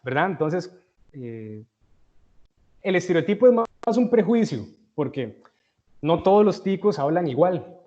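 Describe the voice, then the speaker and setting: A man's voice: fairly high pitch, very animated, unhurried, long pauses, dark tone, lo-fi sound. A man with a Costa Rican accent giving a university tutoring lecture, chatty and conversational, often checking in with his students. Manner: conversational, frequent "¿verdad?" check-ins and restarts.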